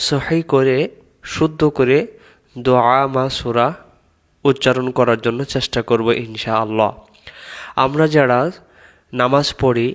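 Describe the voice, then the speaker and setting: A man teaching the correct pronunciation of a prayer, reciting words slowly and breaking them into syllables. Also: mid-range voice. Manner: slow, drawn-out recitation of Arabic words, repeated syllable by syllable; patient, instructive explanation. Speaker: religious teacher.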